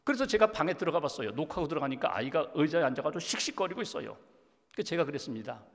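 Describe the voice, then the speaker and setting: Korean pastor preaching in a reverberant church. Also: male voice, fairly high pitch, expressive, very fast, creaky. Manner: earnest, storytelling with emotional swells. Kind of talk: sermon. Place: church sanctuary.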